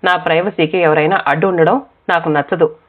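A woman's voice: fairly low pitch, steady tone, brisk, lightly acted. A woman voicing a proud young wife who mocks and brushes people off in curt replies, in a spoken storybook. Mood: dismissive. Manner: mocking, curt. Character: sharp-tongued young wife, dismissive and proud. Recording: tinny phone-like sound.

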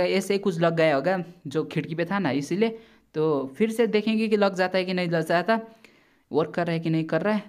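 A man giving casual gameplay commentary as a gaming YouTuber, chatty and blunt, warning his viewers and swearing now and then. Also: high-pitched. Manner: chatty, repeatedly addresses viewers as brother.

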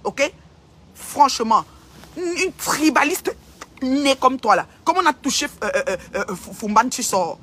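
A woman's voice: high-pitched, animated, measured pace, fairly bright tone, slightly rough. A woman, ranting in a confrontational livestream and repeating phrases for emphasis. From Cameroon. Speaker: online commentator. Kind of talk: livestream rant.

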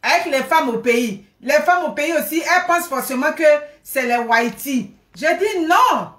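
A middle-aged woman chatting live to her viewers from a room at home, animated, often laughing, thanking people by name. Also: sits high, moderate pace. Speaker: livestreamer. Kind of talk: casual live stream chat. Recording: echoey room.

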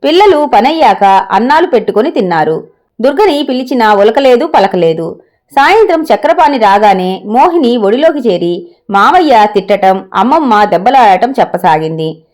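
A woman reads a story aloud in scripted narration. Her voice sits fairly high and moves with animated pitch, steady and expressive throughout. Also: moderate pace.

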